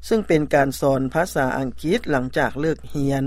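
Male news narrator, Lao accent, slightly high voice, dry recording, scripted report delivery. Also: expressive, a little fast, a little mellow, no echo.

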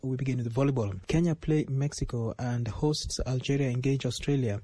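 A male sports news reader delivers a formal scripted round-up. His tone is dark and mellow at a medium pitch, in a very dry studio. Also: steady tone, a little fast, no echo.

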